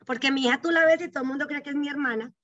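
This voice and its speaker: Racing along in a high, fairly bright voice, a middle-aged woman who is a psychologist and banking executive tells her life story as an interview guest. She is earnest and reflective, often checking in with short tag questions. The recording is dull, dry and slightly lo-fi, with no room sound.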